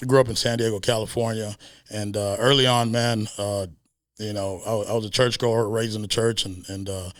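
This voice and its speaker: A man from South Sudan, a high school football head coach, giving a media day interview in a measured, earnest way with many filler pauses. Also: no echo, clean studio sound.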